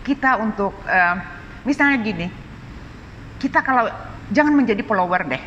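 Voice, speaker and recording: A woman's voice: medium pitch, expressive, moderate pace, fairly bright tone, lo-fi sound, slight background noise. Middle-aged woman, Sundanese accent, chatty art dealer, recorded in a reverberant hall. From Bandung, Indonesia. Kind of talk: casual interview.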